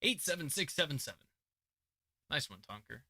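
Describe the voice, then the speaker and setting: A young man hosting his channel and judging beatbox entries in casual reaction commentary, chatty, laughing often, and shifting between mumbled asides and loud remarks. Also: on the high side, sing-song, normal speed, creaky. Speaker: beatbox judge and channel host. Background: beat music playing.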